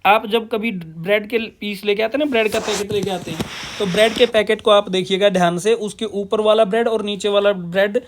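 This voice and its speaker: A man's voice: high voice, fairly even intonation, a little fast, noisy background. A man teaching a lesson, asking and answering his own questions and mixing English terms into his Hindi. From Punjab, India. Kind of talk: classroom-style lesson explanation.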